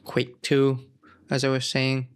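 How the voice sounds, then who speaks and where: On his own gaming channel, a man who is feeling unwell flips back through old magazines, rambling casually, thinking aloud, and often stopping to correct himself. It's relaxed, nostalgic commentary. His mid-range voice is smooth, slow, and monotone.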